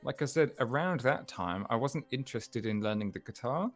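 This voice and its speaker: A man, a musician guest, speaking in a soft, reflective way with frequent restarts. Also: medium pitch, lively intonation, normal speed, faint music behind. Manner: soft-spoken, reflective, stammers and restarts often. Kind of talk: relaxed interview chat.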